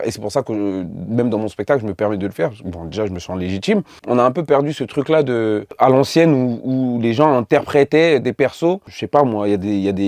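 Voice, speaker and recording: A young adult man from Côte d'Ivoire, a comedian chatting in an interview and telling lively stories, acting out the dialogue. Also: on the low side, no room sound, studio quality. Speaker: comedian guest. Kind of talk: casual interview chat.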